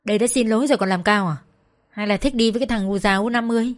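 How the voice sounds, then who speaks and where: A woman's voice: a little high, rapid-fire, close to an everyday voice. Woman doing a foul-mouthed, abusive ex-husband. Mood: taunting. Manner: coarse, threatening, swearing. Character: crude, violent young ex-husband, man.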